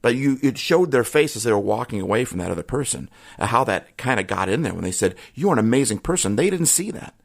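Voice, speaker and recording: A middle-aged man hosting a solo podcast, talking in an earnest, emotional way, often trailing off quietly at the ends of his thoughts. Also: medium pitch, sing-song, quick pace, gravelly, few pauses. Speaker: podcast host. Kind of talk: reflective solo podcast talk.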